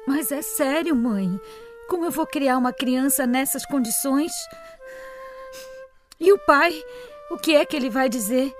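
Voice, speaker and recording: A woman's voice: sits high, a little slow, pauses often, over music. A woman voicing an anxious, emotional young pregnant woman in an amateur radio drama, pleading and upset. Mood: distressed.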